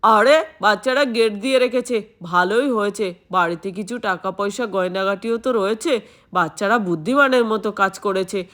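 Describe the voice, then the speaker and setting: A woman voicing a tired, kindly uncle doll in a doll-play cartoon, with a lowered, weary fatherly tone. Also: a little fast, a bit bright, close to an everyday voice.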